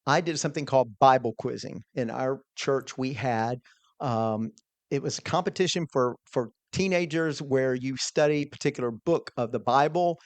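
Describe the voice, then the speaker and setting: A man's voice: mid-range voice, moderate pace, dry recording. A middle-aged man, a small business owner, telling a personal story in an earnest, conversational way, often restarting his words.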